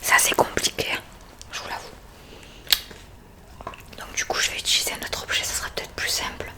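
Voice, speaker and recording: A woman whispers soft and breathy in an ASMR scene, taking on the role of a kind, comforting hearing examiner. Her pace is a little fast.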